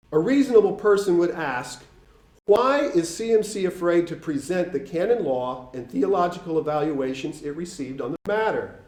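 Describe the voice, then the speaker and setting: A man with a Boston accent giving a formal, prepared statement at a public forum, reading out numbered points deliberately. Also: fairly high pitch, a little mellow. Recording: echoey room.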